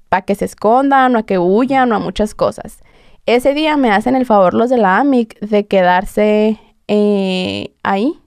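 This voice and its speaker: A woman's voice: a little high, darkish tone, no echo, studio quality. A young woman with a Mexican accent, a podcast guest telling her story casually with lots of fillers and acted-out quotes. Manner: conversational, heavy fillers, acts out quotes.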